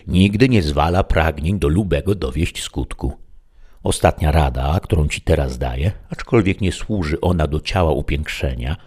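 A lofty, quick-tempered old knight, read by a man narrating the book. His deep, husky voice delivers archaic advice solemnly and sternly. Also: darkish tone, exaggerated voice.

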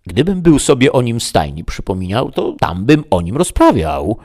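A man's voice: medium pitch, huge pitch swings, normal speed, a little mellow, voice pushed up. A man reading aloud, voicing a simple, stubborn peasant squire who talks in an earnest, pleading way.

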